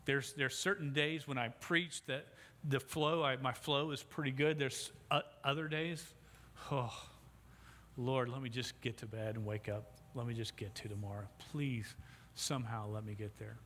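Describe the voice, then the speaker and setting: Preaching in a church sanctuary through a sound system mic, this middle-aged pastor stutters, repeating sounds and restarting as he delivers his sermon. He has a medium-pitched, fairly bright, steady voice at a moderate pace, and the recording carries a long hall reverb with faint background noise.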